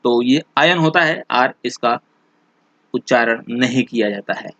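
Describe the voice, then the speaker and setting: A male teacher explaining English exam questions in Hindi, reading the example sentences out slowly and often checking back with "theek hai". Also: medium pitch, bright, forceful tone, dry recording.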